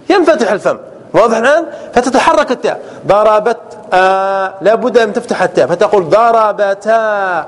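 A man teaching a grammar class, drilling verb forms slowly and checking often that students follow. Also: very high voice, in a large hall. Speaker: sheikh teaching Arabic grammar.

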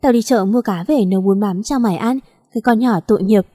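Brief: woman narrator doing an older village woman, loud and bossy, with a husky voice. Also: mid-range voice, brisk, natural voice. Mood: fussing. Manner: calls out loudly, scolding and affectionate. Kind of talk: audiobook narration.

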